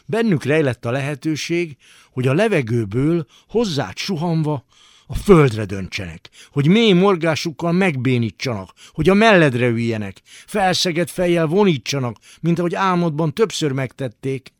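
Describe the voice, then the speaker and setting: Dramatic male storyteller, lively pitch. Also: dry recording, clean studio sound. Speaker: narrator. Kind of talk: literary reading for radio. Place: radio studio.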